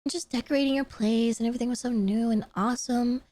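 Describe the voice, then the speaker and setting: A woman streamer in casual chat, excitable and gushing, with squealing laughs and free swearing. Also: a little high, fast talker.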